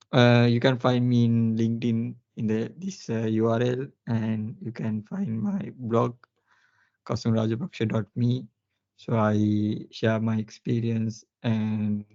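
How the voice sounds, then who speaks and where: Sri lankan guy, flat voice, lots of uhs, muffled. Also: lowish voice. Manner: hesitant, with many fillers. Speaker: guest co-presenter. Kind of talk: casual conference chat.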